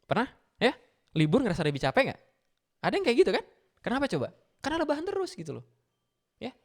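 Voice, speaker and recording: Guest speaker, male, 30s, energetic and animated, higher voice, quizzes the students as he goes. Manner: animated, mixes English phrases, asks the audience questions. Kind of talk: lively motivational talk to students.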